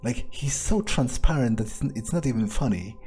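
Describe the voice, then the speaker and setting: Over gameplay, a man plays a scheming, arrogant vampire, muttering a scornful, foul-mouthed monologue to himself. His medium-pitched voice has lively intonation, a warm tone and a breathy edge at a moderate pace.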